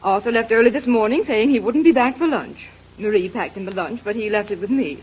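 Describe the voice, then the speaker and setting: An actress playing a vain, bored society fiancée with a haughty manner in an old-time radio drama. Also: female voice, fairly high pitch, animated, brisk, slight background noise, lightly acted, rough recording. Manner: haughty, languid.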